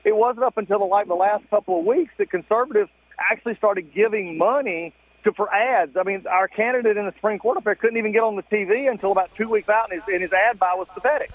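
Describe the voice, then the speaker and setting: A man calling in to a political radio show from a car stopped at the roadside. He talks quickly and emphatically with frequent restarts, and his phone line is muffled, as if he were in a tunnel. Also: sits high. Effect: muffled phone line that sounds like he is in a tunnel.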